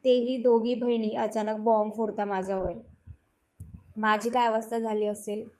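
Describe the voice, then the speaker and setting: A woman's voice: a little high, level tone, normal speed, a little mellow, close to an everyday voice. Woman voicing an earnest young husband. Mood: tender. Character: young husband, stern then tender. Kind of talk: audio story reading.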